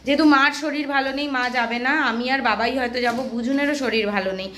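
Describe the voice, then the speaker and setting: A woman from Kolkata chatting casually in a home vlog, hoarse from a sore throat and sounding weary and fretful. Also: fairly high pitch, fast talker, a bit bright, slight background noise. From Kolkata, West Bengal. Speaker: vlogger, mother of a baby. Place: home indoors.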